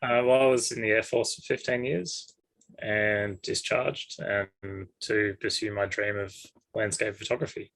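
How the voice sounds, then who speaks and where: A man's voice: on the low side, steady tone, unhurried, creaky, fairly bright tone, dry recording, poor audio. A man from Sydney with an Australian accent, a photographer and podcast guest who talks in a laid-back, understated way with dry humour. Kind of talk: casual interview chat.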